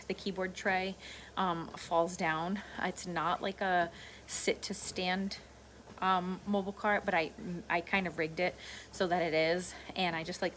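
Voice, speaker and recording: A middle-aged woman with a slightly low voice talks off the cuff in a casual vlog. She meanders and circles back over her points in an informal way, with noticeable background noise behind her. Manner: informal, meandering, repeats herself. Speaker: vlogger. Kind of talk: casual rambling solo vlog chat. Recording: clear steady background noise.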